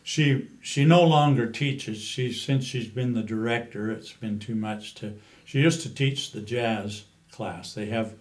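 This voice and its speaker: A man in his seventies with a Western American accent, reminiscing in an interview in a halting, unhurried way. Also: mid-range voice. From Utah, USA. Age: 70s. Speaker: interview guest, cowboy poet.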